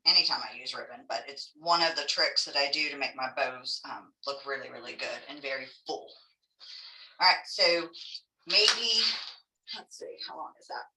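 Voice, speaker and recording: Woman craft instructor, very bright lowish voice, r's close to w, easygoing step-by-step chat, echoey distant mic. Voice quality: soft r sounds, close to w. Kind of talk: casual step-by-step craft demonstration. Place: indoor room, teaching an online class. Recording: echoey room, distant microphone.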